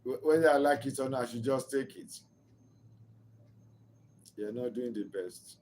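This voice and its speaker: Guy lecturing on relationships, mid pitch, keeps repeating points, earnest. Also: a little slow, a little mellow, slight background noise, poor audio. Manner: earnest, instructive, repeats key phrases; rhetorical questions to the listener. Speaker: relationship speaker. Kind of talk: motivational talk.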